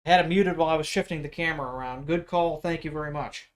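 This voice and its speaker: Loud man explaining leatherwork live. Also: a little high, fast. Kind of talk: live craft demo chatting with viewers. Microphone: external microphone.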